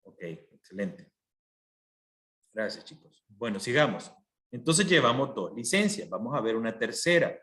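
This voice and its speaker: A man's voice: mid-range voice, big pitch swings, a little slow, fairly bright tone. Man teaching a patient online class. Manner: patient, explains step by step with frequent checks for understanding.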